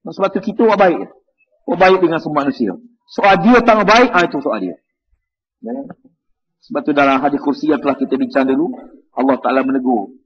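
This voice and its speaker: Malaysian Malay male preacher, high husky voice, dull lo-fi mosque recording. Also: fairly quick, pauses often. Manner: lively, rhetorical questions, frequent "ya". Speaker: religious teacher. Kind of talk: mosque evening lecture.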